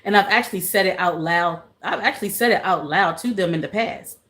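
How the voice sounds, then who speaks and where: A middle-aged woman hosts a casual live stream in a lowish, fairly bright voice, speaking a little fast. She greets viewers by name, repeats her phrases, and talks earnestly and emotionally about grief.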